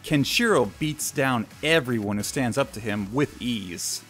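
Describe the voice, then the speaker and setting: A man's voice: mid-range voice, expressive, unhurried, a bit bright. A man reading a scripted anime review as narration. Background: faint music.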